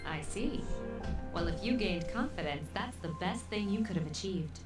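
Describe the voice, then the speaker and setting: A woman's voice: on the low side, expressive, moderate pace, far from the mic, music in the background, close to an everyday voice. Woman voicing Mitsuru, a composed student leader. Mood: encouraging. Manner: composed and formal. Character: poised, commanding young female student leader. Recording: roomy game audio from afar.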